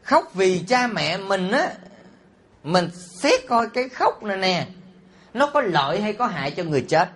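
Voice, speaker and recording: A man, a Buddhist monk preaching a sermon. He is animated and teasing, and often puts rhetorical questions to his listeners. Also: high voice, measured pace. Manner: teasing and humorous.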